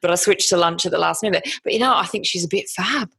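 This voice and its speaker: Female co-host, lowish voice, dry teasing wit. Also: fast talker, creaky, fairly bright tone, slightly rough. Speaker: podcast co-host. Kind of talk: casual podcast chat.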